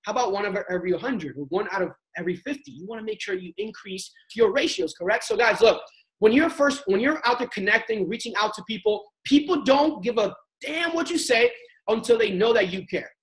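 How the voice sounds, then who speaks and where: The recording has poor audio, and the young man on it has a very high, creaky, slightly bright voice that is very animated and fairly quick. As a network marketing panelist, he gives an emphatic, coaching-style motivational training talk, casual and full of slang, acting out sample conversations.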